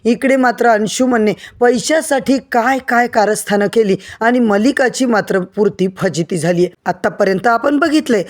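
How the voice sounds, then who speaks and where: A woman narrating an episode recap of a TV serial, addressing viewers directly in a storytelling manner. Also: a little high.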